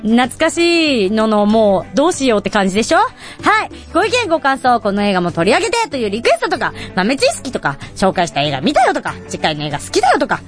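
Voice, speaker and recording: A woman hosting a radio show, telling stories in a bubbly, chatty way and acting out quoted voices with high squeals. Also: wildly swooping pitch, quick pace, faint music behind. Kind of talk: casual chatty storytelling.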